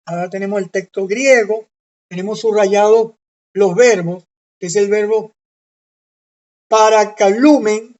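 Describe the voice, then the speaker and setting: A woman's voice: medium pitch, steady tone, moderate pace, a little mellow. A woman teaching an online Bible study lesson, methodical and often checking that her listeners follow along. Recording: dull lo-fi computer audio.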